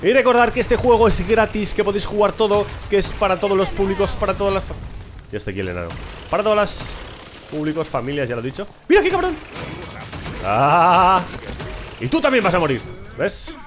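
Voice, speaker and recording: A young man from talks over his own match in a voice that leaps between highs and lows, often yelling without meaning to. He sits a little high for a man, and soft game music runs underneath. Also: fast talker. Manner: shouty, excitable, swears and laughs at himself. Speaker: gameplay streamer. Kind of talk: excited live gameplay commentary.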